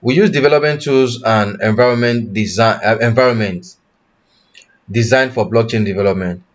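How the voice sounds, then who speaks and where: A man teaching blockchain development in a live online class, pausing often and correcting himself, and checking in with "you understand?". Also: medium pitch, highs cut off. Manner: halting, self-correcting, asks "you understand?". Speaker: tech instructor.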